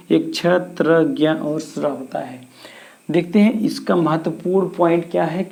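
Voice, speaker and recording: Mellow-voiced male grammar teacher. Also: a little high. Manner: poses questions and answers them himself. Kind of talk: exam-prep grammar lesson.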